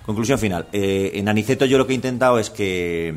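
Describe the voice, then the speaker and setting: A man's voice: lowish voice, a little fast. A man in his sixties from Madrid with a Peninsular Spanish accent, a radio guest telling stories playfully with rambling asides. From Madrid, Spain. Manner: playful storytelling, acts out quoted voices, rambling asides. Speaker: guest author and radio humorist. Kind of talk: casual radio interview chat.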